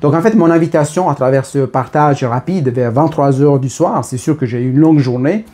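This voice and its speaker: A man's voice: mid-range voice, a little fast, dark tone. A man in his thirties talking casually and spontaneously to camera, rambling with many fillers and restarts. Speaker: vlogger.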